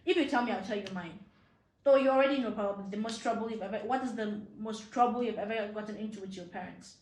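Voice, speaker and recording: A woman's voice: mid-range voice, quick pace, a little mellow. A young woman from Nigeria hosting a casual chat with her mother, talking in a playful way with many fillers and restarts. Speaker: host. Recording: echoey room.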